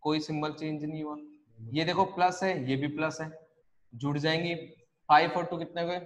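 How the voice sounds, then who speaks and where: A man teaches an online math class, talking the students through each step. His voice sits a little high for a man. He keeps asking the class questions and answering them himself, repeating the key rules. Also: little pitch movement, moderate pace. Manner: repetitive, step-by-step explaining with rhetorical questions.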